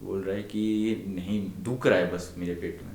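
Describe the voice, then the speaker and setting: A man's voice: sits low, fairly even intonation, normal speed, gravelly, a little mellow, slight background noise. A young man in his twenties, a podcast guest telling stories in casual chat, acting out the voices in his dialogue and laughing often. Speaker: podcast guest, medical intern. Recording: echoey room.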